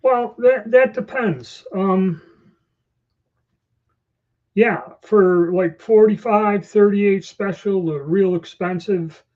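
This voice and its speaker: Mellow, dull-sounding man with slightly impeded speech. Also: sits high. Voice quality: slightly impeded speech from new false teeth. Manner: rambling, conversational. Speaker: livestream host. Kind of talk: casual livestream chat answering viewers. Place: small storeroom or office, indoors. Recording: dull lo-fi livestream audio.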